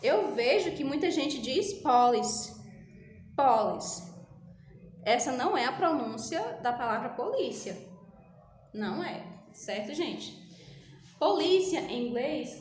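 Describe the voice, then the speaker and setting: A woman from Brazil teaches a school English lesson in a high, light voice. She is patient and repetitive, slowing down to drill each word. The recording is very echoey, with faint ambience behind her. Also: slight background noise. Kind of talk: recorded online class.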